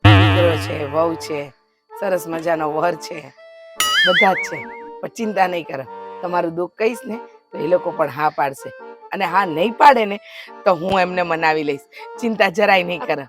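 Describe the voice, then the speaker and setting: A woman's voice: lowish voice, expressive, moderate pace, over music, lightly acted. An actress playing a kind-hearted middle-aged mother who talks earnestly and persuasively. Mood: reassuring. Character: kind-hearted mother, lecturing her grown son. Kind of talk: short film drama acting.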